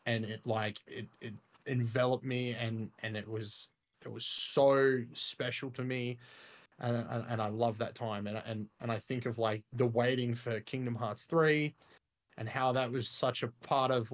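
A young man co-hosting a gaming podcast, talking casually and enthusiastically in long, rambling sentences. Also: medium pitch. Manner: enthusiastic, rambling, says "freaking" and "mate" a lot. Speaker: podcast co-host. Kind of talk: casual chat.

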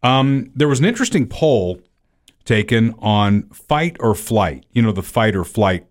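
Low-voiced man co-hosting a podcast. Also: sing-song. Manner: drawn-out, conversational, with fillers. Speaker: podcast co-host. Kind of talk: casual political chat.

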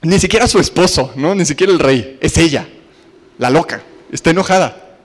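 A young man preaching a humorous sermon, telling the story with lively acted-out quotes. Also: fairly high pitch, moderate pace. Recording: long hall reverb.

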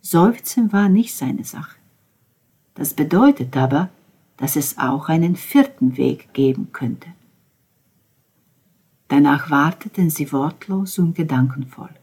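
A woman narrating a German novel in a measured, expressive reading voice that drops softly at times. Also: sits low, slightly rough. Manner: measured, expressive reading, dropping to soft asides. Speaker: audiobook narrator.

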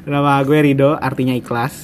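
Mid-pitched young man chatting casually. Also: level tone, brisk, crowd noise. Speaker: podcast co-host. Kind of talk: casual chat.

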